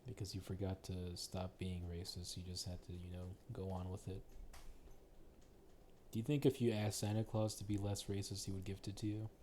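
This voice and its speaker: Young man, low voice, teasing, laughing a lot, podcast chat, faint noise. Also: level tone, normal speed, mellow. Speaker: podcast co-host. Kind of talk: casual chat.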